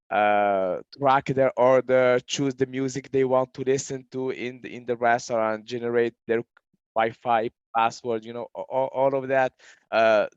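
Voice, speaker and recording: A man's voice: medium pitch, smooth, no echo, lo-fi sound. A man in his thirties from Morocco, answering interview questions casually with many fillers and restarts. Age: 30s. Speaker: guest entrepreneur.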